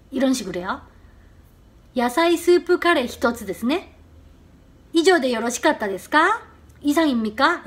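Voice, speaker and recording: A middle-aged woman teaching a casual language lesson, acting out short sample dialogues with slow, exaggerated intonation. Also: high voice.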